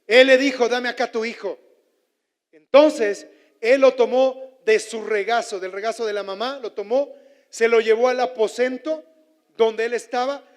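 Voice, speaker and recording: A male pastor preaching a fervent sermon, leading the congregation in repeated declarations and shouting at the climaxes. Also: extremely high pitch. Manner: shouts and stretches words at climaxes. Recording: long hall reverb with faint crowd.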